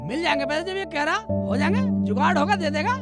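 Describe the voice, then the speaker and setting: A man's voice: extremely high pitch, quick pace, music in the background. A man playing a bumbling, melodramatic village husband in a slapstick comedy film, whining and wailing. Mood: coaxing. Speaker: comic lead.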